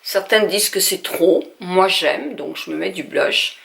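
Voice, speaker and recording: A woman's voice: on the low side, measured pace, vocal fry, fairly bright tone. An older woman from France chatting through a makeup tutorial at home, talking straight to her viewers with frequent hesitations. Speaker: beauty vlogger.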